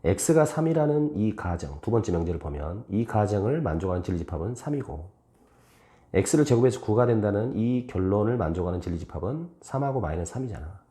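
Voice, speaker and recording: Lively low-voiced male math teacher. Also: fairly quick. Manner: lively, asks and answers his own questions, acts out student replies. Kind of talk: classroom lecture.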